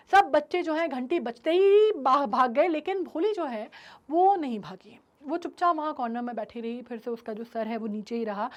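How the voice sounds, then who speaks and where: High-voiced woman explaining a story. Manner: retells in a mix of Hindi and English, checks in with "right?". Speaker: English teacher. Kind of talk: explaining a story in a recorded class.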